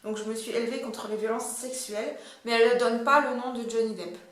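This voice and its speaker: A woman's voice: fairly high pitch, a little fast. A woman with a French accent explaining a court case in a casual, hesitant way, with many fillers and self-corrections. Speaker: commentator. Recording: very echoey room.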